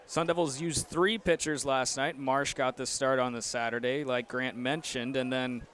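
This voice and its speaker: Fairly bright and steady, this mid-range voice moves at a moderate pace. It belongs to a young American man doing live play-by-play, with outdoor ballpark or arena noise in the background.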